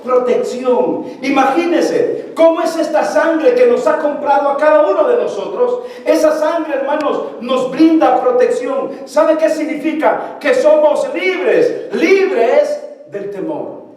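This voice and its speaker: In a church sanctuary, a male pastor preaches fervently to his congregation, repeating phrases for emphasis. His very high, animated voice is slow and somewhat dark, captured by a distant mic in a very echoey space.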